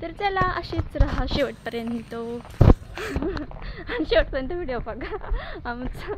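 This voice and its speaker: Young female vlogger, high voice, playful and talkative, loud outdoor street noise on a phone mic. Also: lively intonation, slow. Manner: chatty, teasing, laughs often. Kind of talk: casual vlog chat to camera. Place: outdoors on village lanes and at a bus stand. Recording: noisy outdoor phone recording.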